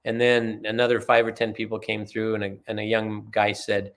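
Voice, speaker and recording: Gravelly low-voiced man telling stories. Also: completely flat delivery, moderate pace. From Utah, USA. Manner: rambling, earnest anecdotes with acted-out quotes. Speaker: guest. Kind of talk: casual storytelling in conversation.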